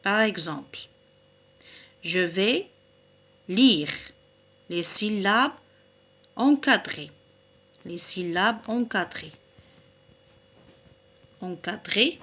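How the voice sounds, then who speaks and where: A woman teaching a recorded reading lesson for children, saying each word slowly, splitting it into syllables and repeating it patiently. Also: mid-range voice, lively intonation, fairly bright tone. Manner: slow and deliberate, splitting words into syllables.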